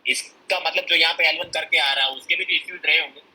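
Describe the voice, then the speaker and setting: A man's voice: a little high, fairly even intonation, fast, sharp tone, breathy edge, poor audio. A man giving a blunt, emphatic motivational talk at a business seminar. He mixes in English phrases and acts out people's excuses as he goes.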